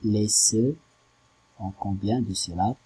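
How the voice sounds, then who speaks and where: Un homme, professeur de littérature, qui explique un poème lentement et en hésitant, en découpant les syllabes. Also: male voice, lowish voice, mellow, husky, rough recording. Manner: slow, hesitant, spells out syllables. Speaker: French literature teacher. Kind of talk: slow classroom explanation.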